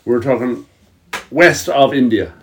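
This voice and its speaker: A man's voice: mid-range voice, a little slow. An Irish man co-hosting a casual podcast, dryly questioning and correcting the others. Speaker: podcast co-host. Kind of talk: casual group banter. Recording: slightly distant mic with faint noise.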